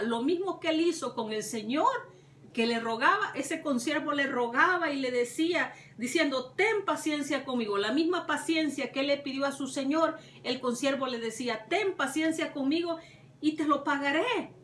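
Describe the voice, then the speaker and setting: A woman preacher teaches from scripture in a high voice, circling back over her words and posing questions to her listeners. She sounds set back from the microphone, in a room that echoes. A faint background ambience runs underneath. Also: fairly bright tone, recorded from a distance, a little hiss or hum. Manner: retells scripture with many repetitions and rhetorical questions. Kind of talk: Bible teaching.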